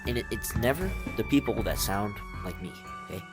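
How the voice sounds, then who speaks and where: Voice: medium pitch, expressive, a little fast, music in the background. A young adult giving a casual, exasperated rant full of rhetorical questions, slightly muffled as if speaking from inside a rubber mask. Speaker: video creator.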